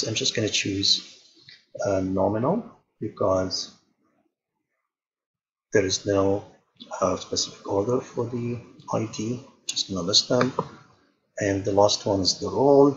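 Guy w a lowish voice doing a calm step-by-step software tutorial, kinda dull lo-fi mic. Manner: calm step-by-step explaining, thinking aloud. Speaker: instructor.

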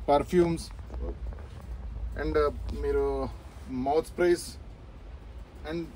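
Young man, Telugu accent, slightly high voice, casual shop-tour guide, faint hum behind. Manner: chatty, explanatory, mixes English words into Telugu. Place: pet shop. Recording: faint background noise.

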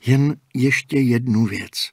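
An impatient young athlete, voiced by a man, pushing his questions in a raised, exasperated tone. The voice is somewhat husky and breathy, and the recording is dry and close. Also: mid-range voice, a little mellow, no room sound, voice pushed up. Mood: irritated, impatient. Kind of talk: audiobook character voicing.

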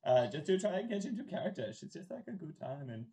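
Joking guy at game night, slightly high voice that swings a lot, laughs a bunch. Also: big pitch swings, fast, warm tone. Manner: jokey, laughs often. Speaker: player. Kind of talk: casual game-night banter.

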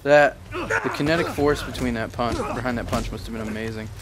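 Playing a video game on a livestream, a man casually analyzes it in chatty, digressive commentary, thinking out loud. His voice is medium-pitched and brisk, and the stream is noisy with crowd sound.

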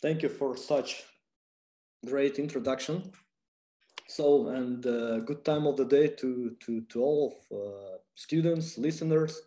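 A man's voice: mid-range voice, dark tone. Russian-accented man lecturing in an echoey room. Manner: halting, frequent uh fillers and restarts. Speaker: physicist lecturer. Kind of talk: online popular science lecture.

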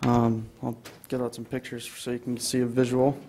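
Man, Upper Midwest American accent, flat delivery, mellow voice, halting with fillers, council chamber. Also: medium pitch, a little hiss or hum. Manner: hesitant, many fillers. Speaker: city staff presenting to council. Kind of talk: council meeting presentation.

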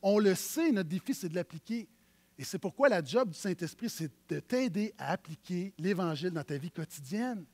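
A man with a Quebec French accent preaching a sermon as pastor, conversational and animated, swinging between loud emphasis and hushed asides. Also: sits high, moderate pace.

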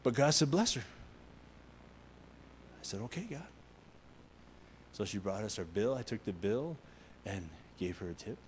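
A man preaching a sermon as a guest pastor, rising to loud emphatic lines and dropping to soft, hushed ones while he tells a story. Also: lowish voice, big pitch swings, moderate pace, long pauses, a little hiss or hum. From United States. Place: church sanctuary.

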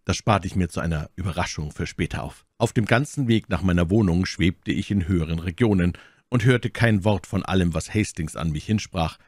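A man reading a classic story aloud as an audiobook, in a measured and expressive way. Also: low-pitched, no echo, studio quality. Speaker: audiobook reader. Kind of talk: scripted audiobook narration.

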